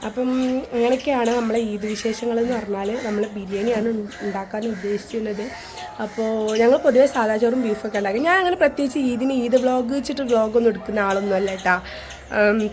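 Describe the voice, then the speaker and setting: A woman's voice: fairly high pitch, darkish tone. A young woman, chatting casually to her viewers in a family vlog. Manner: chatty, rambling, addresses viewers as guys. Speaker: vlogger.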